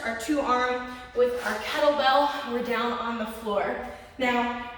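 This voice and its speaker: A woman's voice: a little high, fairly bright tone, recorded from a distance. A woman fitness instructor leading a workout, cueing moves and counting down, a little out of breath. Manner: encouraging, cueing each move step by step. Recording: echoey room, voice from off-mic.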